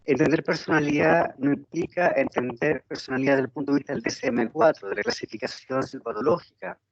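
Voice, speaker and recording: Un profesor imparte una clase por videollamada, pausado y con muchas muletillas. Su voz llega entrecortada por una mala conexión, con un sonido apagado y de baja calidad. No se oye ninguna reverberación de la sala. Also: male voice, medium pitch. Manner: measured, with frequent "eh" fillers. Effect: choppy, breaking-up audio from a bad connection. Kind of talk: online university lecture. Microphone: computer microphone on a video call. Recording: dull, lo-fi and dry.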